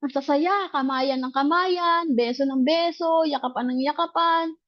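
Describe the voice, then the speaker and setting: A woman's voice: high voice, unhurried, no room sound, muffled recording. A woman telling a personal story in casual testimony, animatedly acting out the dialogue she recalls. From grew up in the provinces. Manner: animated, acts out quoted dialogue. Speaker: speaker sharing a personal testimony.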